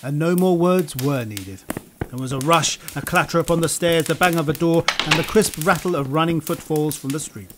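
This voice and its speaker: A man playing a composed doctor who narrates a radio drama in a steady, descriptive way. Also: on the high side, normal speed, noisy background, close to an everyday voice. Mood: calm.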